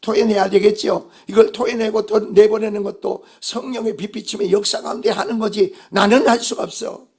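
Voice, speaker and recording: A man's voice: high-pitched, steady tone, brisk, gravelly, few pauses, darkish tone, breathy edge. A male pastor delivering a Sunday sermon, emphatic and putting rhetorical questions to the congregation.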